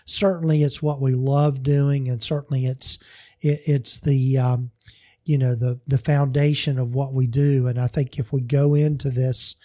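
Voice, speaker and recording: A man's voice: mid-range voice, level tone, a little slow, dark tone, dry recording, clean studio sound. A man hosting a podcast, signing off in a casual, rambling way with many fillers and restarts. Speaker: podcast host.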